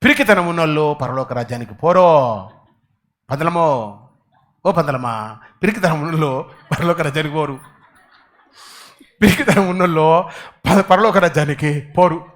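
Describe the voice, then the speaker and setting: A male pastor preaching in an animated way. His voice sits high and rings bright. He drops to quiet asides, then bursts into loud exclamations and quizzes the people in front of him. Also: moderate pace, long pauses. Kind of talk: Telugu church sermon.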